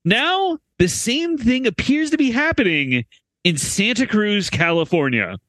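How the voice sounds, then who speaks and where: A man's voice: high-pitched, lively intonation, unhurried, a bit bright, dry recording. A man co-hosting a comedy podcast, reading odd news stories aloud with jokey asides. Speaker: podcast co-host. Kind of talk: comedic casual chat.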